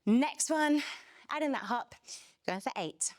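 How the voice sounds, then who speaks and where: A woman's voice: sits high, animated, measured pace, no room sound, studio quality. A young adult woman leading a barre workout class, energetically counting reps and cueing moves while a little out of breath. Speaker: fitness instructor.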